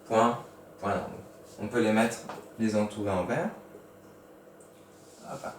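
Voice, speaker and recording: A man teaching young pupils a recorded grammar lesson in speech, patient and slow, spelling out each step. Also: lowish voice, steady tone, a little hiss or hum. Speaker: primary school teacher. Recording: echoey room, mic at a distance.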